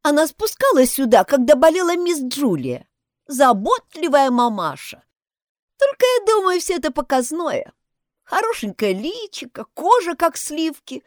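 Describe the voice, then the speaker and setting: A spiteful young scullery maid, voiced by a woman reader who insists on her own story. The voice rises high and swings sharply. The sound is close and dry. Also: a little mellow, no room sound.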